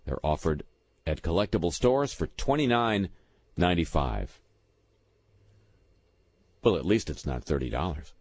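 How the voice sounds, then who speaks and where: A man's voice: sits low, lively intonation, measured pace, pauses often. A man hosting a show, reading out news items in a wry commentary style and dropping sardonic offhand asides between them. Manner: reads news items with quips and small restarts.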